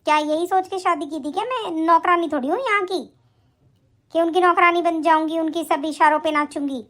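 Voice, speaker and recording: A woman's voice: very high voice, fairly quick, fairly bright tone. Woman voicing a defiant spoiled daughter. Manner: argumentative, defiant, scornful. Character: spoiled stubborn married daughter, young woman. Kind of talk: animated story voice acting.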